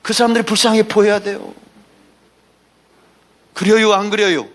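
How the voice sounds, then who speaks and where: Preaching on a Sunday, this pastor has a high-pitched, steady voice and speaks at a normal speed. His folksy, emphatic style weaves in asides and anecdotes, and he invites responses from the congregation between them.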